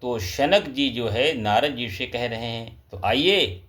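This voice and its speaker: A man's voice: mid-range voice, animated, slow pace, fairly bright tone. A man giving a devotional scripture discourse as a pandit, speaking reverently and chanting Sanskrit verses.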